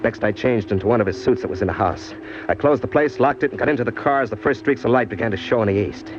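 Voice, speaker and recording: Quick-paced and mid-range, close to an everyday voice, a man acts as a hardboiled crook narrating his own crime tale for an old-time radio play, sounding grim, matter-of-fact, tough, wry and full of slang. Background noise and music sit under the dull, dated radio sound.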